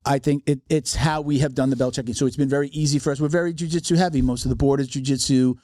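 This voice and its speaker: A man's voice: mid-range voice, fairly even intonation, fast, mellow, dry recording, clean studio sound. A man hosting a casual podcast conversation, rambling with many restarts.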